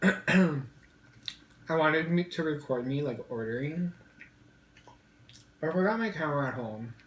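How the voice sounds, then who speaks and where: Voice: mid-range voice, expressive, measured pace, echoey room, low-quality recording. A mukbang vlogger chatting casually and playfully to viewers, chewing and eating while talking. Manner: playful, breaks into song.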